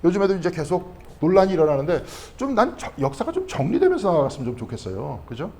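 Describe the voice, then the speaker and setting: A male pastor leads a Bible study at a brisk clip, his voice rising and falling a great deal and sitting a little high for a man. He keeps firing questions at the class and answering them himself, with a chatty "right?" tucked in here and there. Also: big pitch swings, darkish tone. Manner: conversational, checking in with frequent tag questions.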